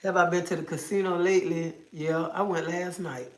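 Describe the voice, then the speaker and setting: A woman hosts a casual livestream from indoors at home, her lowish voice steady and fairly quick in an echoey room. She feels sick, as though a cold is coming on, and she rambles and repeats herself.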